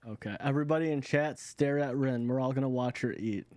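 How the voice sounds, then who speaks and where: A man's voice: medium pitch, brisk, a little mellow, no echo. A man hosting a tabletop game stream in casual chat, playful and laughing often. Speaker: player and show host.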